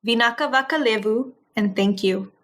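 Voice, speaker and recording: A woman's voice: fairly high pitch, normal speed, a bit bright. A woman with an Indo-Fijian accent hosting an interview podcast, introducing it and its guest. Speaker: podcast host.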